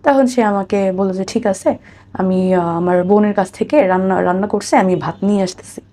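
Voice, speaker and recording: Here an interview guest, a woman with a Bangladeshi accent, shares personal testimony about her life in a medium-pitched, dark-toned voice at moderate pace. She repeats phrases and treats the host respectfully. A little hiss or hum can be heard.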